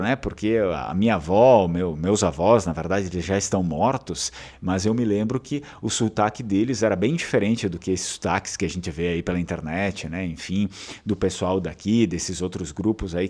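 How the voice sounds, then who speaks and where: Hosting his own channel, a southern Brazilian man chats casually and meanders, full of fillers and false starts, in a southern Brazilian Portuguese accent. He has a darkish tone and a voice on the low side.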